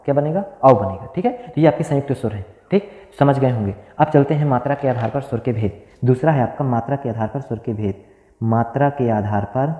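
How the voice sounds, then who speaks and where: Man, teacher, repetitive quizzing delivery, mid pitch, echoey roomy sound. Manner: repeats terms and asks rhetorical questions. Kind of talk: grammar lesson at a board. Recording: echoey room, tinny phone-like sound.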